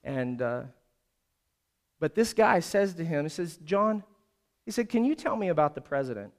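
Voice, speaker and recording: A man with a notably high voice preaches a sermon, telling a story and then climbing into loud, pleading calls. He swings between quiet, conversational stretches and near-shouted appeals. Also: sing-song, normal speed. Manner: storytelling preacher who builds to loud, high-pitched exhortation. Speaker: pastor. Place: church service.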